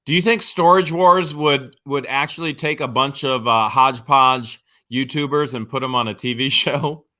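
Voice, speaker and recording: A man's voice: medium pitch, fairly even intonation, normal speed, pushed and bright. A man co-hosting a live stream, joking around in casual chat and reading out viewer guesses. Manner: joking, playful, reads viewer guesses aloud.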